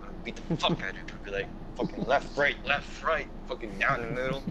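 A man's voice: medium pitch, quick pace. A young man in casual gaming banter, ranting crudely and swearing over voice chat. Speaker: gamer in party chat. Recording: noisy game voice chat with background hum.

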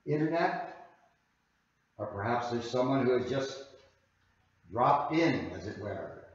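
A man preaching a sermon as a guest minister, slow and deliberate, leaning hard on key phrases. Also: on the high side. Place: church sanctuary. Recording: very echoey hall, voice from far off, dull sound.

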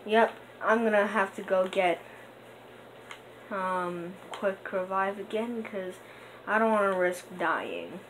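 A woman's voice: medium pitch, slow pace, rough recording. A young woman hosting her gaming channel, rambling and hesitant with many fillers while she gives casual commentary over gameplay. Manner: bursts into excited gasps during play. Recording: noticeable background noise.

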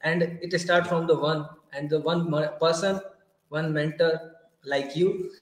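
Male show host, high-pitched, earnest, sounds recorded in a reverberant room. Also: fairly even intonation, measured pace. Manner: earnest, grateful, repeats and restarts in non-native English. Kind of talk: casual online interview.

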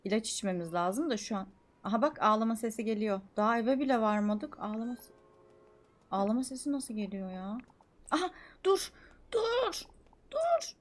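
A young woman with a medium-pitched, brisk voice streams a life-sim game with live commentary. She chatters excitedly, scolds the characters, and swings from muttering to shouting.

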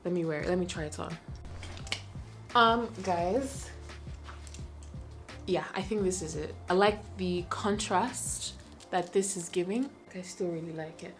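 A woman's voice: lowish voice, measured pace, pauses often, faint music behind. Chatty young woman vlogging. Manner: chatty and self-questioning, thinking aloud. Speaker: lifestyle vlogger. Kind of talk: casual chat to camera. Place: bedroom indoors. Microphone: camera close up.

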